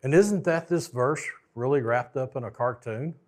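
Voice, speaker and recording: A man's voice: medium pitch, moderate pace, a little mellow. A man preaching a storytelling sermon in a folksy way, with joking asides.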